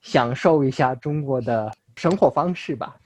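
A young native Russian speaker from Russia appears as an interview guest and language learner, talking casually in foreign-accented Mandarin. His medium-pitched speech is halting, and he corrects himself.

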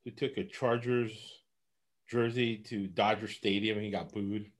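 A man's voice: fairly low pitch, steady tone, unhurried. A man from Los Angeles giving casual sports betting picks, rambling and laughing often.

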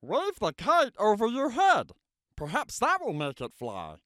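A man's voice: sits high, wildly swooping pitch, a little slow, bright, forceful tone, dry recording, clean studio sound, voice pushed up, heavily acted. A man voicing Frog, a cheerful, patient grown male frog, reading a storybook aloud. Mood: encouraging. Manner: encouraging, storytelling.

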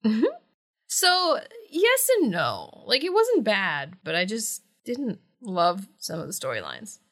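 A woman co-hosting a podcast in casual chat, animated and teasing, laughing often. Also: mid-range voice, takes it slowly. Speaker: podcast co-host.

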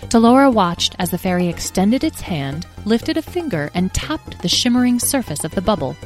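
A woman narrating a children's fantasy storybook with expressive, lively emphasis. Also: medium pitch, moderate pace, soft background music.

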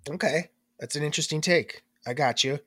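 Slightly high-voiced and fairly quick, this young male podcast co-host chats casually with no room sound behind him. Stuffed up and congested, he rambles, interrupts himself, and stays animated throughout.

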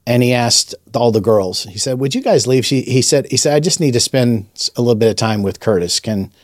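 A man's voice: mid-range voice, a little fast, no echo, studio quality. A man hosting a podcast, telling a personal testimony in a rambling conversational way, with frequent restarts. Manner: rambling, with many restarts and fillers. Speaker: podcast host and rabbi.

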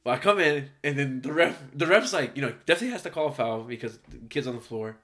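A man hosting a podcast, telling a story in casual chat, animated and laughing, swearing often. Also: medium pitch, fast. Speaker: podcast host. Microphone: podcast mic.

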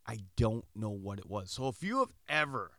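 This podcast host, a middle-aged man from Michigan, speaks in a lowish voice at normal speed. He tells a story in a relaxed monologue, animatedly performing the dialogue in different quoted voices. There's no echo.

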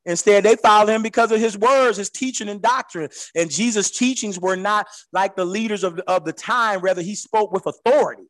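A man leading a Bible study, animated, swinging between low asides and excited high peaks. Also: brisk, hardly any pauses, dry recording, studio quality.

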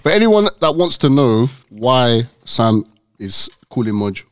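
A man's voice: mid-range voice, big pitch swings, measured pace, smooth, no room sound, clean studio sound. A man with a London accent casually hosting a podcast, with everyday slang. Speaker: podcast host.

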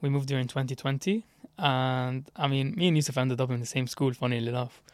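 A young man from Syria hosts a casual podcast, talking in a relaxed, joking way with his friend. His pitch is ordinary for a man. The recording is dry and close-miked. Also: fairly quick, no echo. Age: young adult. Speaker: podcast host. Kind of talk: casual chat.

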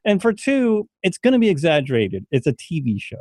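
A man's voice: a little high, brisk, no room sound. A man hosting a podcast, chatting casually and playfully. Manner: lively, playful, mimics voices. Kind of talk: casual chat. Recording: dry close mic.

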